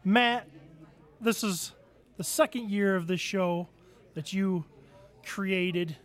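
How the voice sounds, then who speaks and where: High-voiced goofy male host. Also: slow, fairly bright tone. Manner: goofy, joking. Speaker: podcast host. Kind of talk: casual podcast chat.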